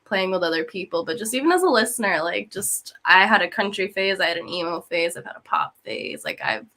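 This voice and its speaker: A woman's voice: fairly low pitch, very animated, a little fast, bright, forceful tone. A woman in her twenties, a musician, chatting expressively as an interview guest. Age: 20s. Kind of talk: casual interview chat.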